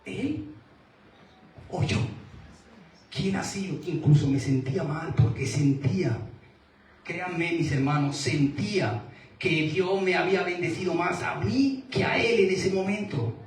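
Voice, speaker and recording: A man preaching a sermon as pastor, earnest, dropping to a hush when he quotes God. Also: a little high, measured pace, a little hiss or hum. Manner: earnest, quoting God in a hushed voice. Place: church hall. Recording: roomy echo, mic from a distance.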